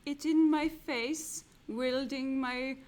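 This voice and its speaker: A woman putting on a wizard voice to read rhyming riddle clues, slow and sing-song. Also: high voice, steady tone, a little mellow. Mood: riddling.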